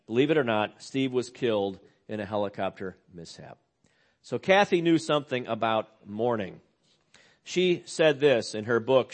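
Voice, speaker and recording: An older man, a pastor, preaching a sermon and telling a story earnestly, dropping low and quiet on sad news and rising for emphasis.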